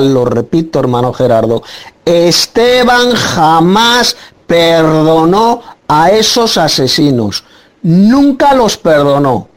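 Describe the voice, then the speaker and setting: A man's voice: mid-range voice, a little mellow. A man arguing a Bible passage in a preaching style, insistent and repeating his point emphatically. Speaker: Bible teacher in a debate. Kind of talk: preaching argument.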